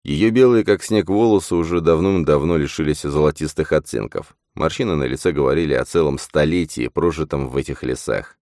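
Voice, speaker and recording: A man reading a fantasy audiobook as narrator in steady scripted narration. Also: very deep voice, a little fast, hardly any pauses, dry recording, clean studio sound.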